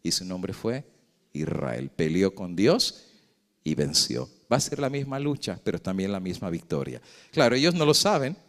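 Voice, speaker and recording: A male pastor preaching a sermon, asking rhetorical questions, swinging between loud emphatic passages and low, hushed intensity, and slipping English words into his Spanish. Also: big pitch swings, moderate pace.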